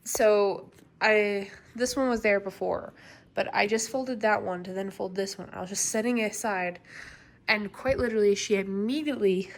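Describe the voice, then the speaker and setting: A woman's voice: medium pitch, moderate pace. A young woman and mother chatting casually to the camera at home, rambling and giggling as she does chores. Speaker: vlogger and mother. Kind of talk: casual vlog chat to camera. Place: at home, indoors, in the kitchen.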